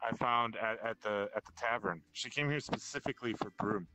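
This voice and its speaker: A man chatting casually in improvised role-play as a bar owner, halting and repeating his phrases. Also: fairly low pitch, sharp tone, dry recording, low-quality recording.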